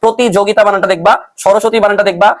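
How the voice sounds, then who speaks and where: A young man teaches a brisk online exam-prep lesson, repeating his points and mixing English words into his speech. His voice sits high and stays steady in tone.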